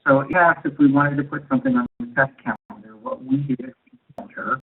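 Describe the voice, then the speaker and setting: A man's voice: fairly high pitch, big pitch swings, vocal fry, breathy edge. Man on a garbled, breaking-up phone line. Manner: halting, with many fillers. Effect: garbled dial-in line breaking up. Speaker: teacher and trainer presenting. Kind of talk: webinar presentation. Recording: tinny, garbled conference-call phone line.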